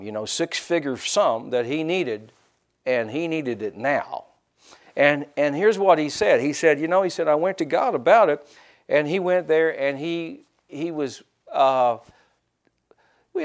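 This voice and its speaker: A man pastor preaching a sermon in a folksy, animated way, acting out quotes and leaning on "you know". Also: medium pitch.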